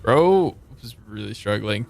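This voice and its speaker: A man giving casual live game commentary as a streamer, with playful, slangy, expressive reactions. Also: on the low side, unhurried, creaky.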